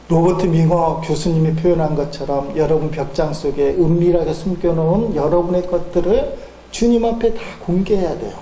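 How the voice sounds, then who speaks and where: Male pastor, slightly high, mellow voice, preaching with slow deliberate emphasis, roomy church echo. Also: slight background noise. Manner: reads a passage aloud, then preaches with slow, deliberate emphasis. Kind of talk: sermon. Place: church sanctuary. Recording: echoey church sanctuary.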